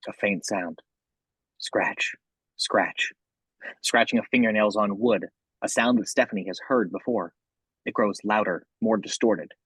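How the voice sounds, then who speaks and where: A man with a husky voice reading scripted horror narration, describing the action scene by scene. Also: fairly low pitch, normal speed, a bit bright, no room sound, poor audio.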